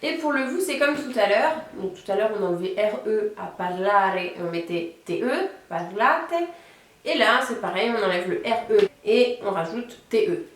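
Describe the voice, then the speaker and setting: A woman teaching a beginner language lesson, patiently explaining and slowing down to model each word. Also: mid-range voice, lively intonation, very echoey, far from the mic. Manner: patient explaining, slows down to model Italian words. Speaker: Italian teacher.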